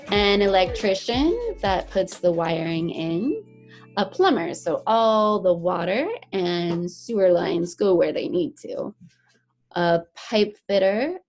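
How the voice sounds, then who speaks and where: A woman with a medium-pitched voice reads a picture book aloud to young children. She is animated and encouraging, explaining things simply the way a teacher would.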